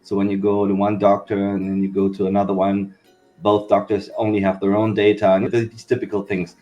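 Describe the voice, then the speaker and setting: On a podcast, a German company founder steadily explains his work in a low-ish, brisk voice, repeating "we said okay." The audio is dull, with faint music behind him.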